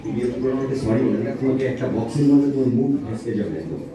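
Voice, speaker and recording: Male puppeteer straight man, quick delivery, scolding and explanatory, heard from afar with heavy echo. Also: medium pitch, steady tone, noisy background. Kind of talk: comic stage dialogue with a puppet. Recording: very echoey hall, distant mic, audience.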